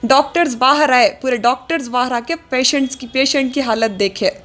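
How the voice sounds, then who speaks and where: A young woman telling an interviewer what happened, in a halting way with many fillers and English words mixed in. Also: sits high, a bit bright. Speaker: interviewee, daughter of the deceased. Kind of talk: recounting events in an interview.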